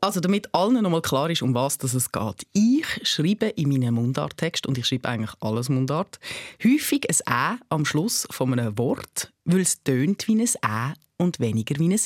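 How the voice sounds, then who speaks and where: A woman's voice: low voice, big pitch swings, normal speed, no echo, studio quality. Teasing Swiss German woman host. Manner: teasing, curious questioner. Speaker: radio host. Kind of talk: playful radio chat.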